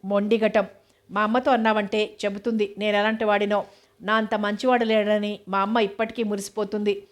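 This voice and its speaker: A woman's voice: medium pitch, level tone, a little fast, natural voice. A woman reading the lines of a playful young husband in a storybook, speaking in a joking, teasing way.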